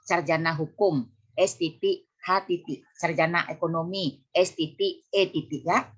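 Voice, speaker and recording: Low-pitched woman lecturer, methodical and corrective, spells things out, repeats rules. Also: a bit bright. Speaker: university lecturer. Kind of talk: class lecture on punctuation.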